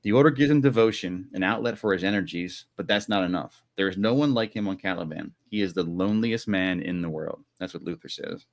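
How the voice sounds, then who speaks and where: Rambling low-voiced man recapping a book. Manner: rambling, many "like"s and "you know"s, quick acted quotes. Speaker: podcast co-host. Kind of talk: casual book-review chat.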